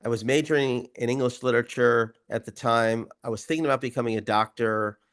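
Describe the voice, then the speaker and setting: Brief: male rabbi, casual anecdotal interview talk, mid pitch. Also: brisk, clear, resonant tone. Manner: anecdotal, rambling, relaxed. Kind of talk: interview storytelling.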